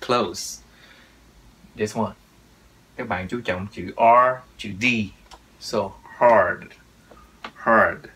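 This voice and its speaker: A man teaches English pronunciation, drilling each word and repeating it with stress. His voice is bright and somewhat low, and he speaks at an unhurried pace. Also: a little hiss or hum. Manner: drills words, repeats them with emphasis. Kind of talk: pronunciation lesson.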